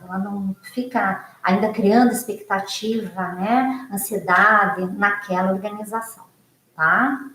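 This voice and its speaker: A Brazilian woman who works as a psychologist and teacher chats casually with her students, answering their questions in a warm, conversational way with a Brazilian Portuguese accent and many "né?" tags on her sentences. Her voice is medium-pitched, and the audio is poor and reverberant.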